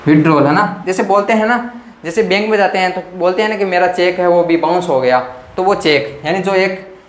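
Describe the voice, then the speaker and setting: A high-pitched man leads an exam-prep vocabulary lesson, quizzing his audience and answering himself over and over. His voice rings around an echoey room with faint noise underneath. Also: fairly quick. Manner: repetitive question-and-answer teaching, addressing viewers as friends. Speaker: teacher.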